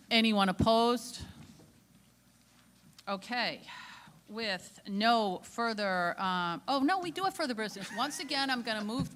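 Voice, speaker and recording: Brisk woman moderating a town meeting. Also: mid-range voice, fairly bright tone, slight background noise. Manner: brisk and procedural, with frequent apologies. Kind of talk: running a public town meeting.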